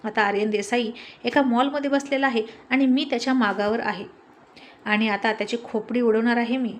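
A swaggering hired gunman talks about his target with cold menace, as a woman storyteller plays him. The tone sits a little high and faint hiss runs underneath. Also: steady tone, normal speed, natural voice. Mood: menacing. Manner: cocky, threatening.

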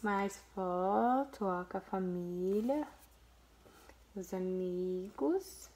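A woman's voice: mid-range voice, extremely slow, a little mellow. A young Brazilian woman vlogging casually, gushing as she shows viewers a photo album and talks to them directly. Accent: Brazilian Portuguese. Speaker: vlogger, mother.

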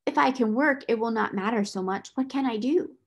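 A woman's voice: fairly high pitch, fairly quick. Woman playing a proud, mournful little orphan girl. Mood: eager, pleading. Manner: steady, restrained, earnest.

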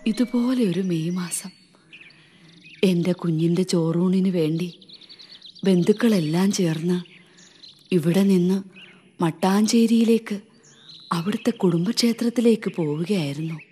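A woman's voice: fairly low pitch, mellow, slight background noise, natural voice. A woman playing a grieving young mother. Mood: sorrowful. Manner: soothing a crying baby, rocking lull. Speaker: narrator and character. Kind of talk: historical light-and-sound show drama.

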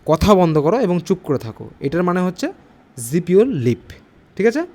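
A man's voice: high voice, big pitch swings, darkish tone. Man teaching grammar with constant check-ins. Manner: explains step by step, asks frequent check questions; reads English sentences slowly and deliberately. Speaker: English teacher. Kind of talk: exam-prep grammar lesson.

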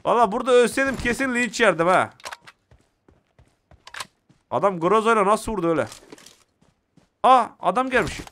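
A man with a Turkish accent giving excitable live commentary while playing a mobile shooter and talking to his viewers. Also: high voice, moderate pace, pauses often, a little hiss or hum. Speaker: mobile game streamer.

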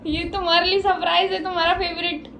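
A woman's voice: extremely high pitch, flat delivery, fast, creaky, fairly bright tone, slight background noise, rough recording. A woman hosting a casual vlog, chatting to viewers and often asking if they follow. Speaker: vlog host.

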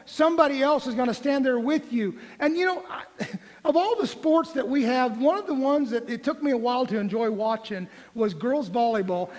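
A man in his forties preaching a sermon in a church, folksy and joking, then pressing the room with emphatic questions. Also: extremely high pitch. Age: 40s. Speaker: pastor. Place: church sanctuary. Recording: long reverb of a church hall.

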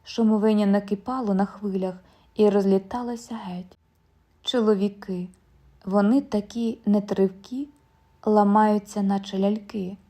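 A woman narrating a literary audiobook in a measured, calm storytelling manner. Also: medium pitch.

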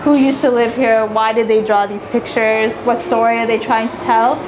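A young woman in her twenties with a fairly high voice guides viewers through an indoor cave exhibit, upbeat and explanatory. She speaks into a clip-on mic with steady background noise from the exhibit hall behind her. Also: moderate pace. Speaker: science centre educator.

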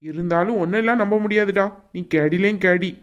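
A woman voicing a cheerful, teasing young man in a cartoon, with a Kanyakumari Tamil accent and a loud, chummy manner. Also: mid-range voice, fairly quick, highs cut off, natural voice. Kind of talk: cartoon voice acting.

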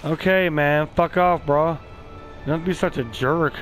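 A man giving casual let's-play commentary, excitable and swearing, chatting to the creatures on screen. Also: a little high, measured pace, soft background music, low-quality recording. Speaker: gameplay streamer.

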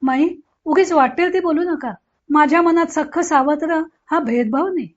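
A woman's voice: high voice, moderate pace, close to an everyday voice. A woman voicing a stern young husband who speaks curtly, in a dull lo-fi recording. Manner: stern, curt. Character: stern young husband, torn but hardened.

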